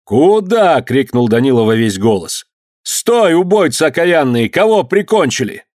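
A man's voice: medium pitch, moderate pace, a little mellow, dry recording, clean studio sound, voice pushed up, close to an everyday voice. A man voicing a stern young master who speaks harshly and gives commands in an old-time storybook tale. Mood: shouting.

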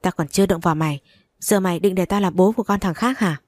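A woman's voice: lowish voice, fast talker, a little mellow, no echo, close to an everyday voice. A woman voicing a cold-blooded, arrogant young rich man who speaks with contempt. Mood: contemptuous. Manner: contemptuous, curt.

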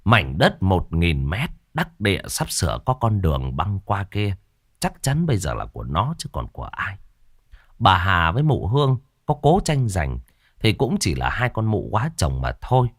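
A man reading a ghost story aloud in an animated, theatrical style. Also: low-pitched, moderate pace, dry recording, clean studio sound. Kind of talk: dramatic ghost story narration.

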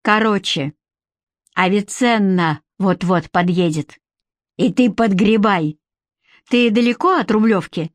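A woman's voice: medium pitch, slow, pauses often, no room sound, natural voice. A woman doing a brash, bossy friend. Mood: brisk. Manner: loud, blunt, rough-talking.

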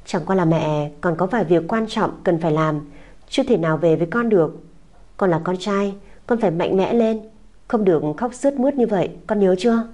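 A woman voicing a young mother who soothes a crying child in a soft, coaxing, tender way. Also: on the low side, brisk, natural voice. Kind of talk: audiobook character voice.

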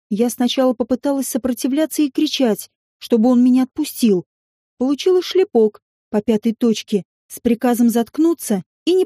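Woman narrator, first-person audiobook, mellow fairly high voice, dry close sound. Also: no room sound.

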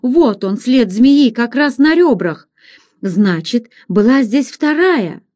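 A woman's voice: a little high, expressive, slow, a little mellow, dry recording, studio quality, voice pushed up. A woman reading aloud, voicing a panicked, superstitious Irish servant man who wails and pleads frantically. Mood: frantic, wailing.

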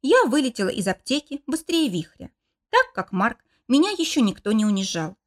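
A woman reads a first-person novel aloud in an expressive, storytelling manner. Her voice is fairly high and swings widely in pitch, giving the narration a lively feel. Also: moderate pace. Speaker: audiobook narrator.

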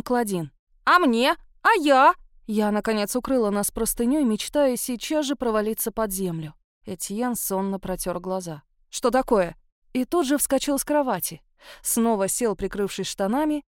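A woman reading a first-person novel aloud as an expressive audiobook narrator. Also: mid-range voice, normal speed, dry recording, clean studio sound. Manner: lively, expressive storytelling.

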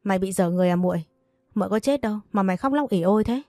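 A woman voicing a sharp-tongued older female servant who scolds fast and complains glumly. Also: medium pitch, no echo, clean studio sound, soft background music, natural voice. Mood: scolding.

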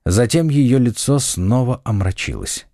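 A man narrating an adventure audiobook in a scripted, expressive, dramatic way. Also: medium pitch, measured pace, dry recording, clean studio sound.

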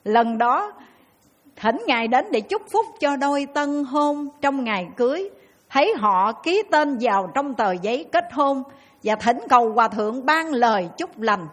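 A woman's voice: high-pitched, a little slow. A woman with a Southern Vietnamese accent, a Buddhist nun giving a dharma talk and acting out the people in her stories. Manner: lively storyteller who acts out the people in her stories.

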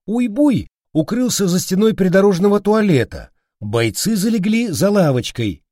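A man narrating an audiobook slowly and expressively. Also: high-pitched, dry recording, studio quality. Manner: slow, very expressive. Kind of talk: scripted narration.

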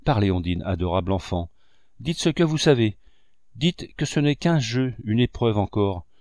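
A man's voice: fairly low pitch, animated, moderate pace, a little mellow, no room sound, clean studio sound, natural voice. A man reading a jealous, despairing young lover. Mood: impassioned.

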